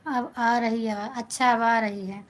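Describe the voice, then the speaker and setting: A middle-aged woman from north India hosts a casual live stream from her phone. Her voice sits a little high. She talks in a chatty way, greets viewers by name and thanks them again and again. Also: fairly even intonation, a little slow, rough recording. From Awadh, north India. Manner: chatty, warm-toned greetings, repeats thanks, reads out viewer names. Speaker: folk singer hosting a live stream.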